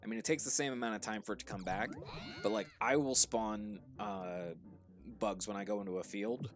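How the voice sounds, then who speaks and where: This streamer, a man with a mixed New Jersey–Pittsburgh accent, gives casual live commentary as he coaches his audience through gameplay. He sounds laid-back and instructive, with lots of fillers and restarts, speaking at an ordinary pace in a lowish voice while music plays faintly behind him.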